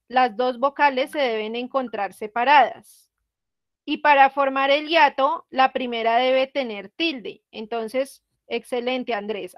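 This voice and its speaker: A woman's voice: high voice, fairly bright tone, no echo, clean studio sound. A woman teacher explaining a lesson patiently to students, often asking them questions. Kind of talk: online class explanation.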